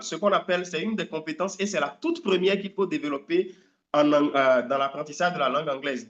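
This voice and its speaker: A man giving a live online English training talk, lively and emphatic, often stopping to hunt for a word. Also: on the high side, echoey room. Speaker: English language coach.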